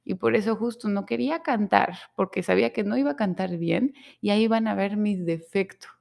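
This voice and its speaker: A woman's voice: mid-range voice, a little fast, vocal fry, a little mellow. A young adult woman, hosting a podcast and telling a personal story in a candid, emotional way. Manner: candid, emotional storytelling with self-quoted inner speech. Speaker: podcast host. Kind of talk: personal confessional monologue.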